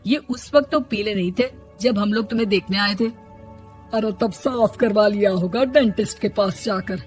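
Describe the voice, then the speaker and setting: A woman's voice: medium pitch, moderate pace, a little mellow, soft background music, lightly acted. A woman voicing a fussy, nagging middle-aged mother-in-law in a cartoon, scolding and complaining. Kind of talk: cartoon voice acting.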